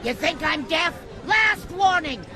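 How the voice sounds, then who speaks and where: An actress playing a greedy, crazed older woman in an audio drama, with slow, drawn-out bellowing and a creaky voice. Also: extremely high pitch, lively intonation, heavily acted. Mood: furious. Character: greedy, crazed old gambler woman with a shotgun. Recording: loud music under the voice.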